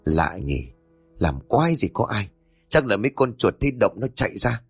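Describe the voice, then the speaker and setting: Man voicing a wary thug, hushed, low voice, close dry sound. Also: sing-song, normal speed, slightly rough, no room sound, soft background music, full character voice. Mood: puzzled. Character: cautious young male thug, quietly worried.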